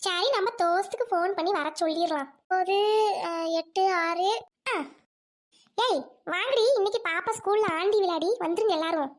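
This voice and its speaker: An excited, scolding mother of two girls, played by a woman in her own voice in a comic family skit. Her voice is very high, and she chatters and scolds quickly. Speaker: content creator.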